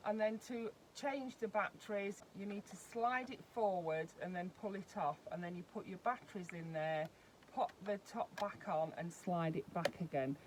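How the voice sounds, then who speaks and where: Brief: woman, doll-collector vlogger, mid pitch, chatty step-by-step demo, faint background hiss. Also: a little mellow, rough recording. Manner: chatty, explains step by step while handling the doll. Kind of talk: casual unboxing demonstration.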